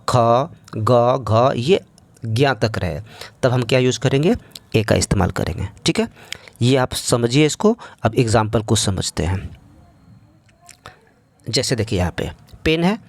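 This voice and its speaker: A man gives a step-by-step grammar lesson, pausing to ask his students rhetorical questions. His voice sits at an ordinary middle pitch. The sound is dry and close, with no room echo. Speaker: English teacher.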